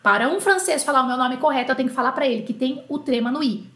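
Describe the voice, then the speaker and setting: A high-pitched Brazilian woman with a bright, forceful tone runs an online French lesson, her Brazilian Portuguese accent clear. She explains patiently and spells letters out slowly while the room echoes around her.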